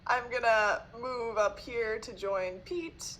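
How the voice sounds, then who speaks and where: A woman's voice: on the high side, slow, fairly bright tone. A woman with a Southern US accent playing a card game aloud, teasing the others and laughing easily. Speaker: player.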